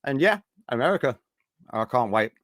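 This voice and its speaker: A man's voice: mid-range voice, very animated, normal speed, fairly bright tone, dry recording, studio quality. A British man hosting a casual live-stream show from home, upbeat and rambling, with many fillers. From Britain.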